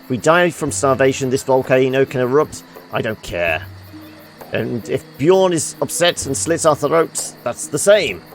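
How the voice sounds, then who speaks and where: A man's voice: mid-range voice, expressive, measured pace, low-quality recording. A man reading game dialogue aloud as a blunt, practical male survivor with little patience for madness. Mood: blunt, unimpressed. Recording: music behind the voice.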